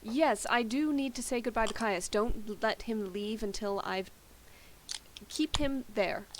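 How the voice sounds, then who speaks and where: A woman player in a tabletop game, narrating her character's actions and bantering with quick laughter. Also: on the high side, background noise.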